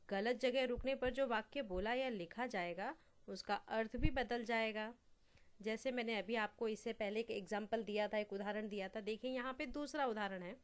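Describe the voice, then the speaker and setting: A woman teacher giving an online Hindi grammar lesson to her students, explaining slowly and repeating her examples. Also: fairly high pitch.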